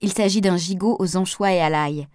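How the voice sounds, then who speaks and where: A woman reading Pascal, a calm capable woman. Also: fairly low pitch, fairly quick, no room sound, clean studio sound, close to an everyday voice. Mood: composed.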